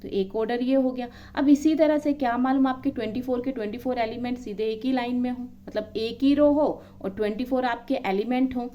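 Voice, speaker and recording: Brief: woman maths tutor, fairly high voice, steady counting-through-the-board delivery, slightly lo-fi with a faint hum. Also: a little fast, few pauses. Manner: counts items aloud one by one, checks in often. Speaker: maths teacher. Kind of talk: explaining a classroom lesson.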